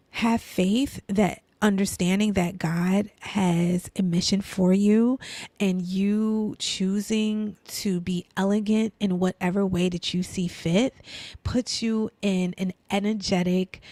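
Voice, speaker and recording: A woman with a Brooklyn accent giving a casual inspirational talk, asking rhetorical questions and checking in with "right?" and "you know", sometimes dropping to a soft near-whisper. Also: mid-range voice, steady tone, takes it slowly, no room sound. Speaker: faith and lifestyle speaker.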